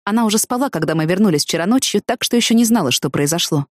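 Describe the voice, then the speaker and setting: A woman reads a first-person audiobook with expressive storytelling. Her pitch moves a lot, and the recording is dry and close. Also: quick pace, dry recording. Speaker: audiobook narrator.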